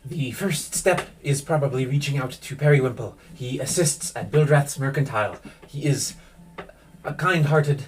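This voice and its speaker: A man's voice: medium pitch, normal speed, recorded from a distance, slight background noise, lightly acted. A man voicing an earnest, worried young village woman.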